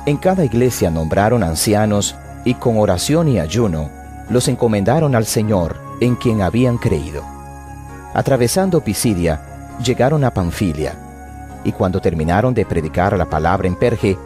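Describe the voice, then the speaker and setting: A man narrates the Bible from a script in a solemn style. His voice is low. Soft music runs underneath. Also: lively intonation, moderate pace.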